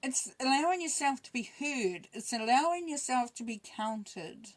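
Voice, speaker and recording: A woman reading tarot cards in a loose, conversational way, talking through each card as she turns it over. Her voice sits a little higher than most women's, and she thinks aloud with easy fillers and small asides. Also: animated, moderate pace, low-quality recording. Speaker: tarot reader. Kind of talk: casual spoken tarot reading.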